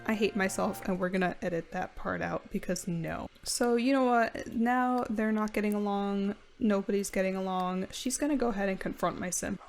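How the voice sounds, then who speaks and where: A woman talks through her life-sim gameplay in a chatty, animated way, poking fun at herself. Her voice sits at a middle pitch with a gravelly fry. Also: normal speed, few pauses, faint music behind. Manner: chatty, animated, self-mocking. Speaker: gameplay video creator. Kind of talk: casual let's-play commentary.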